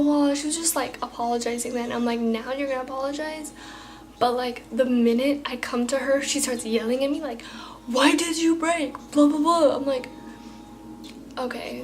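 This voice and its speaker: Young female vlogger, fairly high voice, animated filler-heavy storytelling, soft music underneath. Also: rough recording. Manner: chatty, animated retelling with lots of fillers. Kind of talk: casual storytime vlog.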